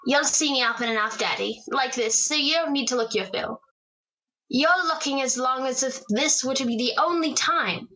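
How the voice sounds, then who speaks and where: A woman's voice: high-pitched, moderate pace, sharp tone, rough recording. A woman acting in an old radio drama as a young daughter, affectionate and teasing with her father. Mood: playful. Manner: affectionate, teasing, then pleading. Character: young woman Margaret, playful and clinging.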